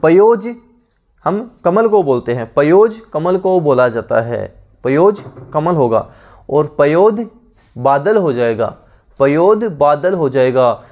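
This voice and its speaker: A man's voice: on the high side, lively intonation, slow pace, a little mellow. A male teacher giving an online exam-prep lesson, drilling words by repeating each one several times.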